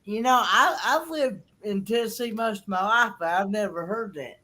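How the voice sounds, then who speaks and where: A man's voice: high voice, moderate pace, pushed and bright, slight background noise. A man on a live group call who talks hesitantly, restarting and stumbling over his words. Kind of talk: casual group chat.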